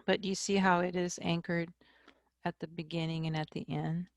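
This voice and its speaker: A woman math instructor giving a recorded lecture, explaining slowly and checking in with "okay?". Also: fairly low pitch, level tone, dry recording.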